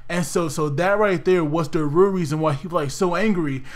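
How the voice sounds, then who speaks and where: A man's voice: a little high, normal speed. Rambling man reviewing an anime. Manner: rambling, many fillers and restarts. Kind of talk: casual video review.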